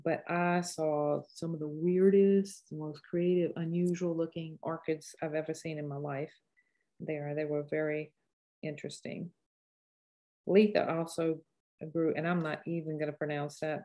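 Older cajun lady in her 60s doing a painting tutorial, lowish voice, rambly and folksy, kinda thinking out loud. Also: level tone, a little slow. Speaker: painting teacher. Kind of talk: casual live painting tutorial.

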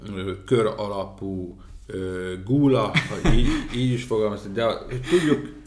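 A man explaining math terms to exam students with everyday examples, pausing often with fillers. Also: fairly low pitch, a little mellow, roomy sound. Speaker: math tutor. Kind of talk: casual exam-prep explanation.

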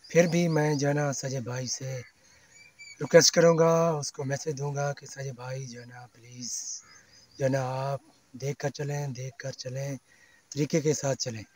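A man's voice: medium pitch, a little mellow, a little hiss or hum. A man talking casually to his viewers in a vlog, earnest and devout, repeating his phrases. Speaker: family vlogger. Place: outdoors among fields, then walking.

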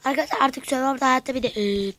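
A woman giving excitable live gameplay commentary as a YouTuber, swearing and shouting at the game, then dropping to whispers. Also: sits high, racing, a little hiss or hum, rough recording. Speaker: gaming YouTuber.

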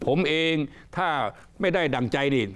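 A man's voice: a little high, normal speed. A politician being interviewed on a studio talk show, emphatic and joking, often repeating his words. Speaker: politician guest.

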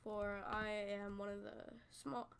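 A woman's voice: medium pitch, level tone, unhurried, vocal fry, background noise. A woman giving casual, rambling commentary over gameplay as a gaming YouTuber, often correcting herself. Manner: rambling, chatty, self-correcting. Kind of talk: casual game tutorial commentary.

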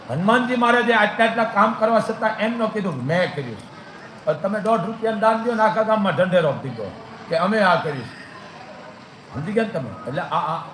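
A man's voice: high-pitched, fairly bright tone. A man giving a devotional sermon, telling a sacred story, acting out the dialogue and often checking that listeners follow. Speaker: devotional preacher at a shrine. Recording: echoey room with faint background noise.

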